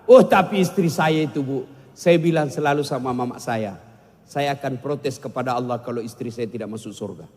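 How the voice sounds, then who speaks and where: With a mid-range voice, a darkish tone, and a big-room sound, a man at normal speed gives a jokey sermon to an audience in a large hall. Bits of song and back-and-forth with listeners run through it.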